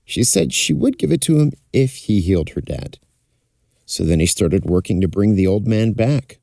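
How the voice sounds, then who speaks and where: A man's voice: lowish voice, lively intonation, normal speed, gravelly, warm tone, no room sound, clean studio sound. A man telling a folktale in a fireside storytelling style, as narrator. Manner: acts out characters' dialogue.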